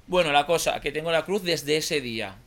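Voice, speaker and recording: A young man from the Valencia region with a Valencian accent, whose first language is Valencian, chatting casually on a podcast and telling a lively, slangy anecdote. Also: a little high, moderate pace. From Valencia region, Spain. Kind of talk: casual chat, storytelling.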